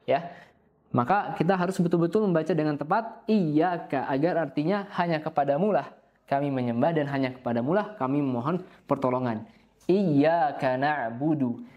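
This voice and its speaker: Drawing out each verse slowly before a brisk explanation, this man leads a tajwid lesson on careful recitation, adding "ya" after almost every phrase and occasionally clearing his throat. His pitch is a little high, and the audio sounds lo-fi.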